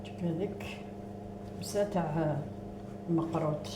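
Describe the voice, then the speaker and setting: A woman's voice: low voice, fairly even intonation, moderate pace. A woman with an Algerian Arabic accent hosting a cooking show in a kitchen, talking viewers through each step as she works. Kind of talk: cooking demonstration. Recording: echoey room with background noise.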